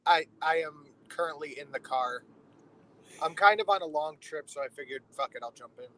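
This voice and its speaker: A man's voice: on the high side, moderate pace, pushed and bright. A man calling in from a car, his voice tinny as if inside a tin can. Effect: tinny sound as if inside a tin can. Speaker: caller joining the show. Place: in a moving car. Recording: distant, tinny mic in a car.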